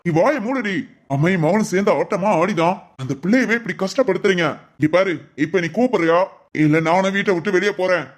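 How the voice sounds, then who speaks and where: A man's voice: high voice, fairly quick, natural voice. A man voicing a stern, righteous father-in-law in a family cartoon, lecturing indignantly. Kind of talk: cartoon voice acting.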